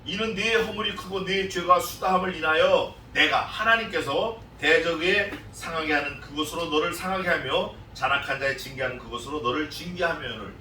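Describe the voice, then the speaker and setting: A man preaching with forceful, repeated phrases in a high, bright voice. He sounds far from the mic, and his voice echoes around a church sanctuary. A faint hiss sits underneath. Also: brisk, hardly any pauses. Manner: emphatic, repetitive preaching with dramatized quotes. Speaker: pastor. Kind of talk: expository sermon.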